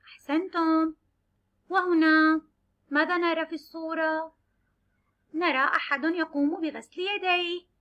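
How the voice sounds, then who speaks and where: A woman teaching young children, sounding out letters and words slowly and clearly. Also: extremely high pitch, fairly even intonation, highs cut off. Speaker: kindergarten teacher. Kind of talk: children's lesson.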